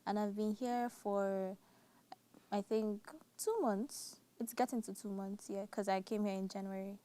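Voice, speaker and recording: A woman's voice: mid-range voice, steady tone, a little slow, mellow. A young woman from Nigeria with a Nigerian accent, a nursing student answering interview questions hesitantly. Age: young adult.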